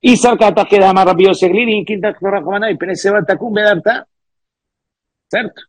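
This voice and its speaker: Husky high-voiced man teaching Talmud. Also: brisk, dry recording. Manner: reads Hebrew and Aramaic phrases, then explains them with repeated "¿cierto?". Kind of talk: Talmud class explaining a text line by line.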